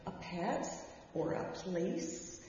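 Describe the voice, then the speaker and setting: A woman giving the children's message in church, gently asking the kids questions and leading them through gestures. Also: on the low side, expressive, very slow, a little hiss or hum. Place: church sanctuary. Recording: echoey hall from far off, dull.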